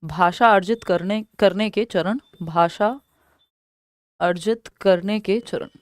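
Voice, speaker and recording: A young woman with an Indian accent teaching an exam-prep lesson. She explains step by step, repeats key terms slowly and asks questions that she answers herself. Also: medium pitch, dry recording, studio quality.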